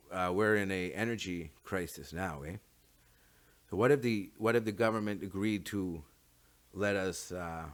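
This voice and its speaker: A man with a First Nations Canadian English accent giving an informal, unscripted opinion monologue, haltingly thinking aloud and repeating words. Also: on the low side. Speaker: talk show host.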